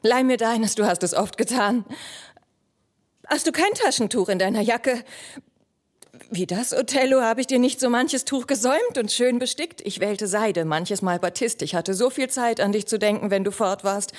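An actress playing a young noble wife who pleads with her jealous husband in a measured, intimate dramatic monologue that often sinks to a whisper. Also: a little high, natural voice. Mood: bitter.

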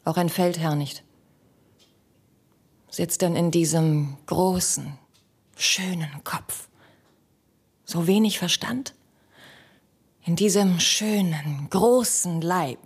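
An actress voices a young noble wife reproaching her jealous husband, her pitch fairly low. The monologue is measured and intimate, often dropping to a whisper as she pleads.

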